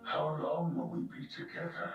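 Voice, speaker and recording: An actor playing a hungry, savage wolf spirit of death in a game, terse and menacing, with a gravelly, breathy voice. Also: mid-range voice, normal speed, dull audio, lightly acted. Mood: brooding. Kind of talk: scripted game character voice lines. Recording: heavily echoing, distant playback over music.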